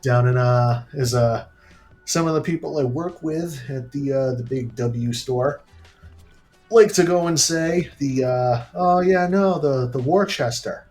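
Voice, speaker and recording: A man's voice: medium pitch, a little slow, darkish tone, soft background music. A man from Massachusetts co-hosting a podcast in casual chat, easygoing and hesitant with fillers. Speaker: podcast co-host.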